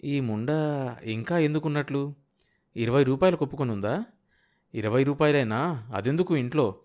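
A man's voice: mid-range voice, animated, normal speed, darkish tone, natural voice. A man doing a grumbling resentful old villager. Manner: muttering rhetorical inner grumbling.

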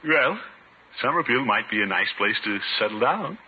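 An actor playing a pompous, sentimental middle-aged bachelor in a 1950s radio comedy, with a theatrical delivery. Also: male voice, medium pitch, lively intonation, moderate pace, lightly acted. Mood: smitten. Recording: noisy, muffled old radio broadcast.

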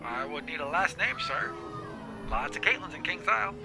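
A man's voice: fairly high pitch, big pitch swings, moderate pace, gravelly, over music, voice pushed up. A man voicing a polite but impatient male operator answering a payphone call.

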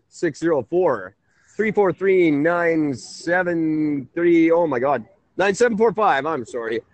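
Man in his late thirties, call-in show host, rambling, self-correcting, high voice, very dry studio sound. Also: dry recording. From Canada. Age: 30s. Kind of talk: casual call-in talk show.

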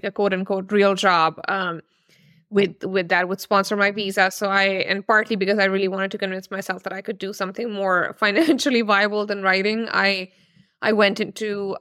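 Bright and forceful yet smooth, this mid-range female voice comes through a dry, studio-quality recording. She's a Pakistani novelist in her thirties, appearing as an interview guest and answering with care, though with frequent fillers and restarts.

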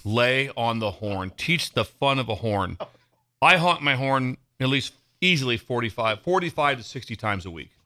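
A man from Nebraska, co-hosting a casual sports podcast, telling stories in an excitable, animated way and laughing often. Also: mid-range voice, moderate pace. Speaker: podcast co-host.

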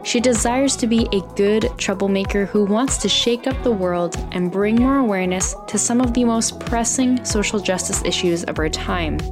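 A woman's voice: medium pitch, normal speed, hardly any pauses, music in the background. A woman hosting a podcast, reading a scripted intro and then interviewing her guest in an encouraging way. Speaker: podcast host.

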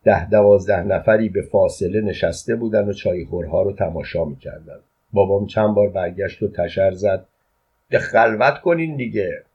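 A man narrating a short story aloud in a calm, conversational storytelling way. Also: sits low, slightly rough. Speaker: audiobook narrator. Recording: dull lo-fi recording.

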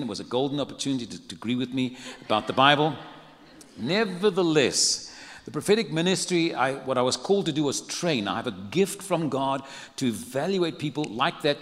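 A man's voice: mid-range voice, a bit bright, big-room sound. An older man from Africa, preaching a sermon in a humorous, conversational way. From South Africa. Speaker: pastor.

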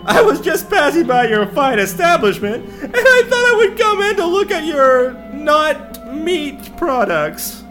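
A man putting on a high, fluttery woman's voice as a detective in disguise. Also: very animated, a little slow, hardly any pauses, a bit bright, faint music behind, full character voice. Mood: flustered. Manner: shrill, fluttery falsetto.

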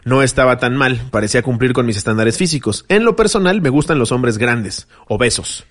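A man's voice: mid-range voice, lively intonation, fairly quick. A man with a Mexican accent, co-hosting a comedy podcast, chatting in slang and laughing through his stories. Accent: Mexican Spanish. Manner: laughing, slangy, telling anecdotes and reading listener stories. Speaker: podcast co-host. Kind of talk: casual comedy podcast chat.

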